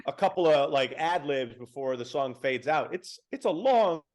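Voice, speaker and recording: A man's voice: a little high, lively intonation, normal speed, darkish tone. Rambling man co-hosting a podcast. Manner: self-deprecating, rambling with many fillers. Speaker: podcast co-host. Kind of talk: casual chat.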